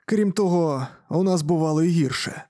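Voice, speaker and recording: A man voicing an eager, bloodthirsty male armored space warrior with a gruff manner. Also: fairly high pitch, normal speed, mellow, dry recording, studio quality, pitched above the performer's own voice, lightly acted.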